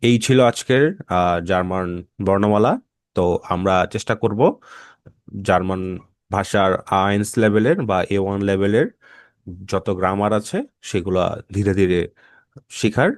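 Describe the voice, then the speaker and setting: A man teaching a German language lesson, reading letters aloud slowly and patiently for learners to repeat. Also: on the low side, clean tone, dry recording, studio quality. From Bangladesh. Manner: slow, patient letter-by-letter pronunciation drills. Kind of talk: slow spoken language lesson.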